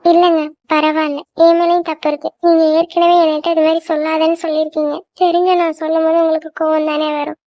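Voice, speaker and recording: Very high, sweet cartoon girlfriend voiced by a woman. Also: level tone, quick pace, few pauses, no room sound. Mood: apologetic. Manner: soft, pleading, apologetic. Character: young woman girlfriend, sweet, quick to apologize. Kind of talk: cartoon voice acting. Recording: dull lo-fi dry recording.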